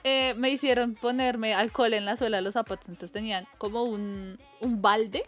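A woman's voice: fairly high pitch, steady tone, normal speed, a bit bright, faint music behind. A young woman telling a casual anecdote, acting out the voices she quotes and laughing often. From Colombia. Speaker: storyteller.

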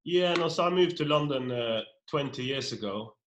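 Halting Norwegian-born man telling his story. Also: medium pitch, lively intonation, lo-fi sound. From Norway. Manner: halting, many repeated words. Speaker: pub owner guest. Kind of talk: casual interview.

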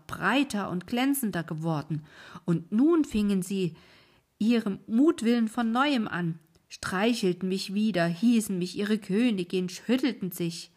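A woman voicing an upset old wife who complains loudly and agitatedly in a fairy-tale reading. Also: mid-range voice, close to an everyday voice. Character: distraught, indignant old woman, fussy wife.

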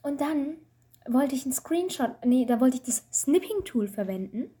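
Woman student, higher voice with a dark husky tone, rambling self-mocking storyteller in a casual call chat. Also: animated, moderate pace.

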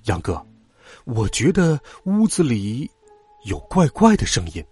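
A man voicing a fussy, fanciful father who speaks in a hushed, secretive way. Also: mid-range voice, very animated, moderate pace, slightly rough, soft background music, voice pushed down.

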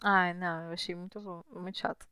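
A woman, co-hosting a casual chat, animated and dramatic, full of exclamations. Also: on the low side, brisk. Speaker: podcast co-host.

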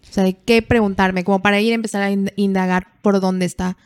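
A woman's voice: mid-range voice, steady tone, fairly quick, clean tone, dry recording, studio quality. A woman hosting a podcast, asking curious questions and giving short affirmations. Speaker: podcast host. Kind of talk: podcast conversation.

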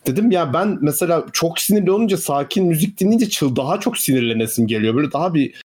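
A young man talks through a casual podcast chat in a rambling, unhurried way. He leans on filler words and circles back on his points as he goes. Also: a little high, animated, a little mellow, breathy edge. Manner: rambling, heavy use of fillers like "hani" and "falan". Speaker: podcast co-host.

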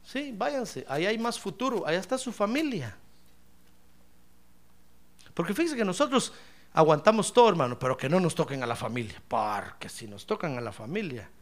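High, lively, gravelly preacher. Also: male voice, moderate pace. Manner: emphatic, ironic preaching, keeps addressing the listener as brother. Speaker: pastor. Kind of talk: sermon. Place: church.

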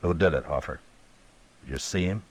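An actor playing a calm, firm frontier marshal in a 1950s radio drama. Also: male voice, rumbling low, a little fast, a little hiss or hum, poor audio. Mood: stern. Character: steady, stern frontier marshal.

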